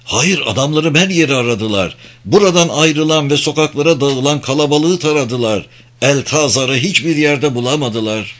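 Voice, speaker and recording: A man's voice: medium pitch, moderate pace, a bit bright, lightly acted. A man doing a stern guard captain.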